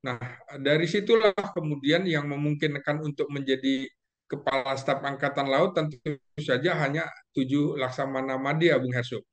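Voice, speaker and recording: A man who is a guest analyst in a casual discussion, going through names and facts methodically, with many pauses and fillers. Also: fairly high pitch, fairly even intonation.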